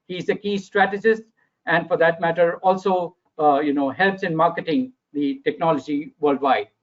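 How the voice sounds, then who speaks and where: A man's voice: on the high side, normal speed. A man from India with an Indian English accent, formally introducing the speakers as webinar moderator, with many hesitant uhs. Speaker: regional marketing director and webinar moderator. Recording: dull lo-fi webinar audio.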